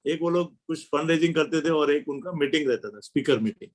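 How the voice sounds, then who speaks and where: Man, middle-aged, guest speaker; anecdotal, acts out dialogue, voice sits a little high. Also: a little fast. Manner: storytelling, acting out dialogue. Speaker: guest speaker at a club meeting. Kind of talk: anecdotal speech. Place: meeting hall.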